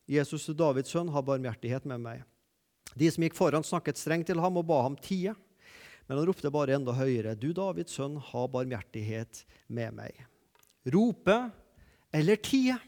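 A man preaching a sermon, emphatic, repeating key phrases and swinging between loud declarations and quiet asides. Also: high voice. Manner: emphatic, repeats key phrases, rises and drops sharply in loudness.

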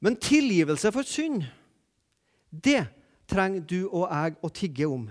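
A man preaching a sermon, emphatic, repeating key phrases and swinging between loud declarations and quiet asides. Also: sits high, big pitch swings. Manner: emphatic, repeats key phrases, rises and drops sharply in loudness.

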